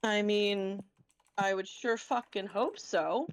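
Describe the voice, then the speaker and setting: Slow-paced woman running a tabletop game. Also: mid-range voice, smooth, no room sound. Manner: informal, sweary. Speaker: game master. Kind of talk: casual tabletop game narration.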